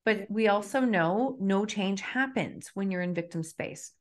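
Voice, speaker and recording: A woman's voice: medium pitch, expressive, a little slow. A middle-aged woman speaking candidly and reflectively as an author on a podcast, with emphatic stresses. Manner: reflective and emphatic, self-disclosing. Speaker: author and guest. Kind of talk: candid conversational podcast talk.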